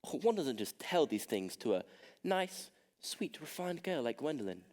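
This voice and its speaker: Guy acting as a bored proper gentleman, dry and tired of everything, voice rises and falls a lot. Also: fairly high pitch, sing-song, normal speed. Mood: weary. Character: weary, proper young gentleman. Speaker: stage actor in a school play. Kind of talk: stage comedy acting.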